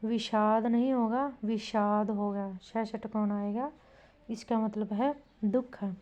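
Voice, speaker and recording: A woman's voice: fairly high pitch, takes it slowly, mellow, lo-fi sound. A woman teaching Hindi spelling to exam students, repeating each word and quizzing the class. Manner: repetitive, drilling, asks students questions.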